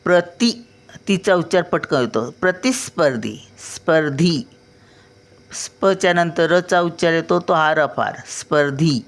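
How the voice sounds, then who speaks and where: Slow, patient older woman teaching children. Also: fairly low pitch. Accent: Marathi. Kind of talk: children's pronunciation lesson.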